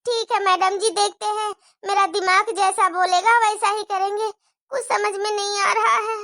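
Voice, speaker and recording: A woman's voice: very high-pitched, flat delivery, moderate pace, pushed and bright, no room sound, studio quality, full character voice. A woman voicing a worried, tender young mother in a cartoon story, anxious and doting.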